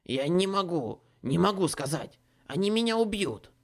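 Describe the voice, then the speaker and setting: A man's voice: sits high, big pitch swings, moderate pace, creaky, pitched above the performer's own voice, exaggerated voice. A man voicing a bearded, cowardly male changeling who pleads frantically in an audiobook. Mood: pleading. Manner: pleading, frantic, near sobbing. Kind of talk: audiobook character voice.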